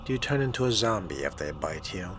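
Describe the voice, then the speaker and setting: Still in character as a role-playing game player, this man talks fast in a low-sitting voice with big swings in pitch. His commentary stays wry, formal and theatrical, while loud game music plays behind him.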